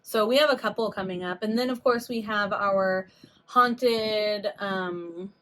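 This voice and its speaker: A woman's voice: medium pitch, unhurried, bright, forceful tone. A woman in her thirties co-hosting a podcast in casual chat, chatty and jokey, acting out quotes as she talks. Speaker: podcast co-host.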